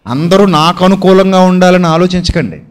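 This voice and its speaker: A man preaching in Telugu with a fairly high voice. He drops low and quiet, then lifts into loud, drawn-out lines of emphasis. He keeps asking the listeners questions and answers them himself. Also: smooth. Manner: asks the listeners questions and answers them, with homely everyday examples. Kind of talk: sermon.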